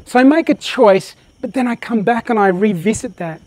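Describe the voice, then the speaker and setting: A man leads a live motivational workshop, speaking with real passion and a lot of energy. His voice sits high for a man. It sounds dry and close, with no echo from the room. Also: normal speed, darkish tone. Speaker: workshop presenter.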